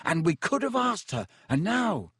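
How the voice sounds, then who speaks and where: A man's voice: medium pitch, moderate pace, breathy edge, no room sound, studio quality, natural voice. A man voicing a blunt, complaining teenage boy wizard. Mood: bitter.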